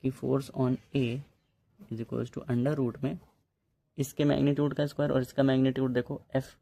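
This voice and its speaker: A man's voice: mid-range voice, level tone, measured pace, vocal fry, dark tone, a little hiss or hum. A man teaching a physics lesson in a casual, chatty way, often checking in with his students. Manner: chatty, addresses students as bhai, repeats ok.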